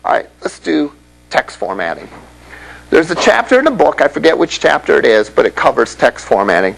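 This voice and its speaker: Guy teaching a coding class, gravelly voice, goes up and down a lot, keeps asking "all right?". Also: a little high, big pitch swings, fairly quick, a bit bright, poor audio. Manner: conversational, checks in with the class often. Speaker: web development instructor. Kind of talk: classroom lecture.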